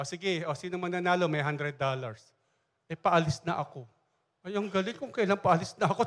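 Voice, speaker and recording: Talkative pastor telling church stories. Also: male voice, fairly high pitch, a bit bright. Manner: chatty storytelling, acts out dialogue, many fillers and restarts. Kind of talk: conversational sermon with anecdotes. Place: church service.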